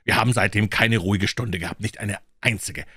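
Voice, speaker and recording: A man's voice: on the low side, brisk, sharp tone, breathy edge, no echo, clean studio sound. A man reading as a distressed young friend. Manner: urgent, anguished.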